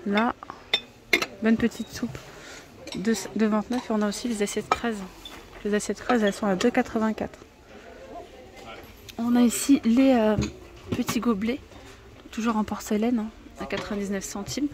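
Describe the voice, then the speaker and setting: A woman's voice: a little high, steady tone, moderate pace, pauses often, background noise. Chatty woman showing off store finds. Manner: chatty and enthusiastic, with many hesitations. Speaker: shopping vlogger. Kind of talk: casual store walkthrough. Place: inside a large discount store.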